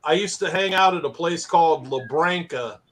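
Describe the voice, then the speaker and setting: A man's voice: fairly high pitch, normal speed, fairly bright tone. Rambling, laughing middle-aged man chatting. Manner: rambling storyteller, laughs often. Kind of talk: casual chat.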